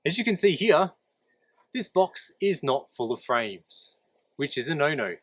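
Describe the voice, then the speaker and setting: A man's voice: a little high, very animated, measured pace, a bit bright, slightly rough, dry recording. A man instructing in a practical, plain-spoken way, explaining a hands-on demonstration step by step while outdoors. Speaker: beekeeping instructor. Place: outdoors beside beehives.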